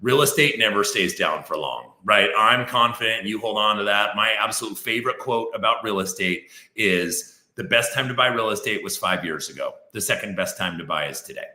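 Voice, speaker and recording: Lower-voiced man with a bright, roomy sound. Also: normal speed, few pauses. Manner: animated, acts out imagined client talk. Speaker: guest, real estate expert. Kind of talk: casual interview chat. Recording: roomy echo.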